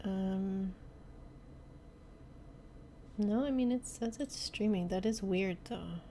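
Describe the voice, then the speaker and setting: A woman's voice: mid-range voice, slow pace, dark tone, slight background noise. A young woman casually chatting as co-host while streaming a video game, laid-back and chatty.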